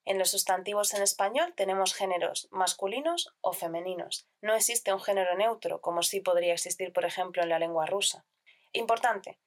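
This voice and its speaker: Woman calmly teaching grammar. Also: medium pitch. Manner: clear, measured explanation with listed examples. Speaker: Spanish teacher. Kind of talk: scripted grammar lesson.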